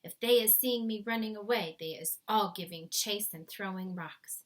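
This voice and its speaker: A woman voicing a gentle, nervous, kindly male giant in a storybook, soft-spoken with quaint muddled grammar. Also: mid-range voice, normal speed, close to an everyday voice. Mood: explaining. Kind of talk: storybook read-aloud character voice.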